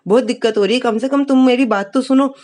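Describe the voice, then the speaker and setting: A woman's voice: on the high side, fast talker, darkish tone, lightly acted. A woman reading the lines of a defiant, insistent young woman who blames others, in a TV serial retelling.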